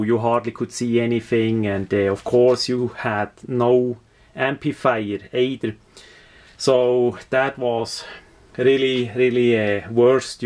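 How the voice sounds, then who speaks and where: A man with a Swiss accent talks through a product demonstration without a script. His pitch is average and his pace is slow. He is halting, often searching for a word and repeating himself as he goes. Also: a little mellow. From Switzerland. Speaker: product reviewer.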